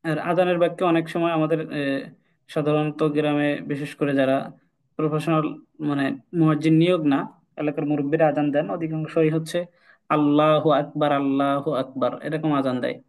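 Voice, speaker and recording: A man with a somewhat high voice leads an informal Quran recitation class. He explains each rule patiently, says key points twice and slows right down to chant the Arabic examples. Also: level tone, darkish tone, poor audio. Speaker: Quran teacher.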